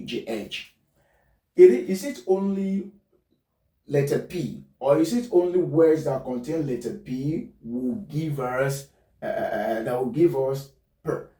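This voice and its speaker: Male phonetics teacher, deliberate drill-like delivery, dark timbre, echoey room. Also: medium pitch. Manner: spells words letter by letter, repeats them slowly. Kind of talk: pronunciation lesson. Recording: roomy, distant mic.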